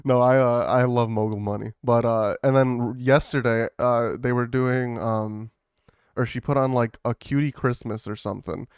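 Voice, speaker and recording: A podcast co-host with a mid-range, steady voice speaks at normal speed in a clean tone, recorded in studio quality with no room sound. He chats casually and rambles, using lots of fillers and swearing.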